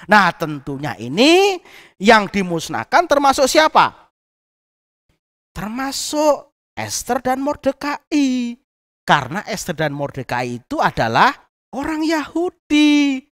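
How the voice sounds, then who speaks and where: Slow, animated woman telling children a story. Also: on the high side. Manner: animated, asks the listener questions. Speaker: Sunday school teacher.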